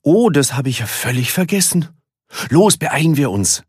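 A man's voice: on the low side, big pitch swings, moderate pace, darkish tone, husky, no room sound, studio quality. A man voicing a cheerful, playful young male elephant in a children's storybook.

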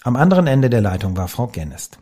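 A man narrating a story in steady scripted audiobook style. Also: medium pitch, fast, breathy edge.

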